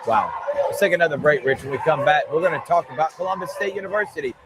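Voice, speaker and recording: A man hosts a sports show in a fairly high voice. His commentary is conversational with emphatic stresses, recorded amid heavy outdoor ambient noise. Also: quick pace.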